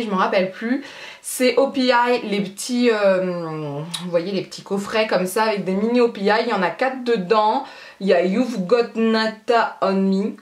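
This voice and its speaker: A woman's voice: medium pitch, echoey room. A woman beauty vlogger in casual haul chat, chatty and rambling with a self-mocking humor.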